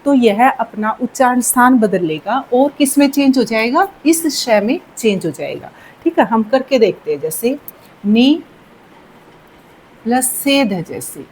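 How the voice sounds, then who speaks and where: A woman explains grammar rules at a very slow, deliberate pace, in a fairly high voice. She repeats each key word and keeps checking that the listener follows. A faint hiss of background noise sits under her voice. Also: expressive, a little mellow, poor audio. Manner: patient, repeats key words and checks in with "theek hai". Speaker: Hindi grammar teacher.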